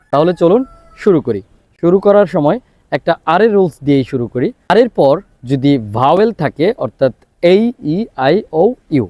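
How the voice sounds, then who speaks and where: A Bangladeshi man teaching a spoken English lesson, repeating each word slowly and clearly so listeners can copy it. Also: on the high side, warm tone, dry recording. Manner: drills words by repeating them slowly and clearly. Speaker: English teacher, academy founder.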